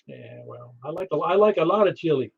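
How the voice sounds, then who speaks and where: A man's voice: a little high, huge pitch swings, a little fast, vocal fry, slightly rough. A chatty, rambling man casually hosting an amateur radio net, reading out call signs. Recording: slightly dull radio recording.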